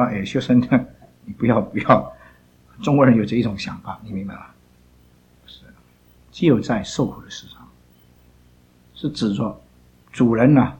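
A man's voice: mid-range voice, mellow, muffled recording, a little hiss or hum. A man teaching a Bible class, scolding students and drilling them with pointed questions.

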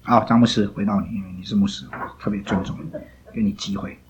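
A man's voice: fairly low pitch, steady tone, fast talker, slight background noise, poor audio. A man teaching a Bible class, scolding students and drilling them with pointed questions.

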